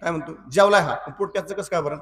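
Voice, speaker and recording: A man's voice: fairly high pitch, very fast, fairly bright tone, distant mic. A preacher from Maharashtra giving a storytelling sermon, acting out dialogue between the characters and asking his listeners rhetorical questions before repeating a line. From Maharashtra, India. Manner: asks the audience rhetorical questions and repeats lines.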